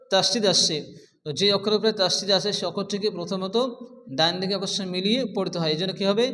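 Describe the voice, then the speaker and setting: High-voiced man teaching Quran recitation. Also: a bit bright. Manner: asks questions and answers them himself, drawing out sounds slowly; chants the verses in a high, slow, melodic recitation. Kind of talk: step-by-step recitation lesson. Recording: long reverberant echo.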